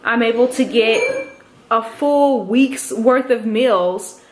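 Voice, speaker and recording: Slow-paced and on the high side, the voice belongs to a twenty-something woman chatting through a cooking vlog. She explains each step from her home kitchen to a handheld camera positioned close up.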